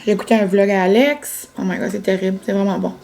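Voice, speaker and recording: Chatty young Québécoise vlogger, mellow voice. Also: female voice, mid-range voice, fast, gravelly. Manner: chatty, lots of fillers and English words. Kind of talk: casual vlog chat to camera.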